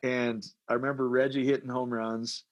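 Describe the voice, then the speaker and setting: A pastor from Iowa, a man guiding listeners through a prayer in a podcast interview, energetic and preacherly, repeating phrases for emphasis. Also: medium pitch, moderate pace. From Iowa, USA.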